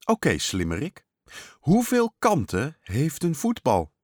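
A man's voice: fairly high pitch, wildly swooping pitch, slow, dry recording, clean studio sound, pitched above the performer's own voice, full character voice. A man voicing a playful father in a storybook, delivering his jokes with teasing, theatrical punchlines. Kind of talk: storybook character voice.

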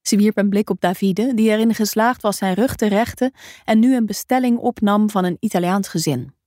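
A woman reading a novel aloud as a calm, even audiobook narrator. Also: mid-range voice, moderate pace, no room sound, studio quality. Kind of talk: scripted narration.

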